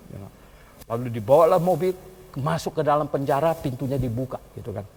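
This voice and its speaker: A male pastor preaching a sermon in a colloquial style. He tells a story and often chuckles, and he swings between quiet asides and loud calls to the congregation. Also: mid-range voice, animated, brisk, breathy edge. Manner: colloquial, chuckles while telling stories.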